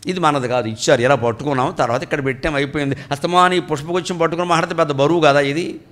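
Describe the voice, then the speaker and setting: A middle-aged man with a Telugu accent gives a spiritual discourse at a memorial event. He tells stories and asks rhetorical questions, and his voice swings between loud and quiet. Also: a little high, rapid-fire. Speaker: spiritual speaker. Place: cultural hall at a memorial event.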